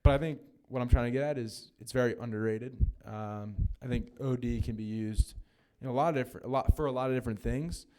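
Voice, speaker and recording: Young man, very dark and mellow tone, mid pitch; easygoing co-host who rambles and mocks himself. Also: a little fast, hardly any pauses. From northeastern United States. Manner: rambling, self-deprecating, lots of fillers. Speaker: podcast co-host. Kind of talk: casual chat.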